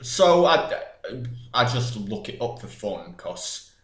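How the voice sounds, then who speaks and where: A man's voice: medium pitch, big pitch swings, slow pace, a bit bright. A young man co-hosting a podcast, teasing and blunt, swearing freely in casual chat. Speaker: podcast co-host. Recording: echoey room.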